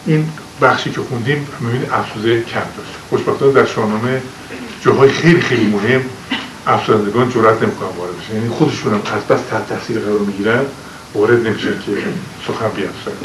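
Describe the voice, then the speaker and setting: A male teacher leads a poetry lecture, patiently unpacking old words and lifting his voice to declaim the verses. He sits far from the mic in a roomy, echoing space. A faint hiss runs under his voice. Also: medium pitch.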